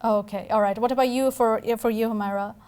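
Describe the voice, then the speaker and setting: Woman from bangladesh hosting a tv talk show, bit high voice, lots of ums and restarts. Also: steady tone, brisk, darkish tone, clear, resonant tone. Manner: hesitant, many fillers and restarts. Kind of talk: hosting a TV discussion.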